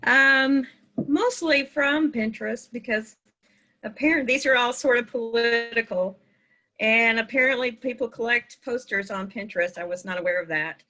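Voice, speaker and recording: A woman student speaks up in an online class over a video call. Her voice is bright and sharp. She talks in a loose, chatty way with plenty of fillers. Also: fairly high pitch, moderate pace. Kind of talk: casual class discussion.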